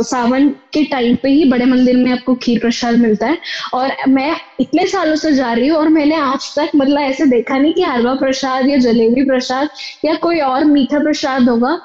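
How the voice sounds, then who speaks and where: A woman's voice: high-pitched, moderate pace, darkish tone. A young woman sharing a personal devotional experience in a chatty, rambling way, acting out her own past dialogue. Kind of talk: casual spoken testimony. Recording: dull lo-fi recording.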